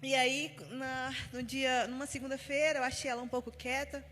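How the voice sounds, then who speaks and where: A woman with a somewhat high voice shares a personal testimony at a church gathering. She tells it with heartfelt feeling as a story and recounts the conversations she had. Her voice rings out with the long reverb of a large church hall. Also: flat delivery, moderate pace, a bit bright, slight background noise. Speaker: testimony speaker at a church service.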